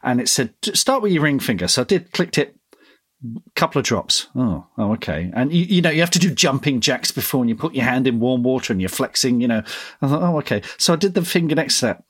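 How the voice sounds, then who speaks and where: A man with a gruff voice hosts a podcast in casual, conversational style. His pitch sits in the middle range as he tells everyday anecdotes with an amused, chuckly manner. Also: expressive, fast, a bit bright. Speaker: podcast host. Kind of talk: casual chat.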